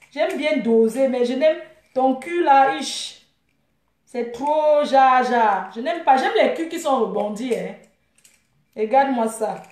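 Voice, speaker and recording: A woman's voice: sits high, a little mellow. A young woman ranting at a rival in a mocking, scornful vlog, laughing often as she taunts. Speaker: vlogger. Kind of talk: taunting live rant. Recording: echoey room.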